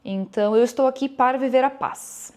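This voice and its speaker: A Brazilian woman hosts her own podcast, chatting casually and reflectively with listeners she calls "gente" and acting out snippets of inner dialogue. Her voice is high-pitched, a little mellow, and fairly quick.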